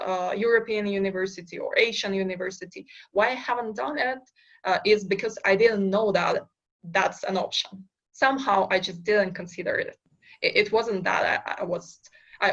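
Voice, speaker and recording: Appearing on a podcast, a young Kazakh startup founder responds to interview questions haltingly, full of fillers and false starts. She speaks in a mid-range, slightly bright voice, captured in dull-sounding audio.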